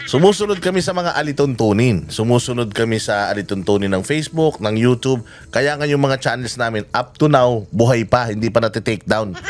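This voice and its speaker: A man with a Filipino accent ranting in mocking, angry commentary and swearing often as a vlogger reacts to news clips. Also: medium pitch. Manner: angry, mocking, swears a lot, switches between Tagalog and English. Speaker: political vlogger.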